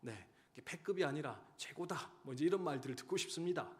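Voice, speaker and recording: A man in his thirties, a pastor giving a sermon, who tells stories and swings between loud urging and hushed, quiet lines. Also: a little high, lively intonation, quick pace. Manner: storytelling, swinging from loud exhortation to hushed tones. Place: church sanctuary. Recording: church hall reverb.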